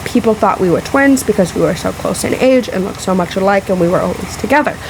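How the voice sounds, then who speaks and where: Responding to a video, a woman records a casual, emphatic rebuttal to camera in a room at home, with a fan running loudly behind her. Her medium-pitched voice is expressive, though her phrases come haltingly, sick, emotional, and a touch breathless.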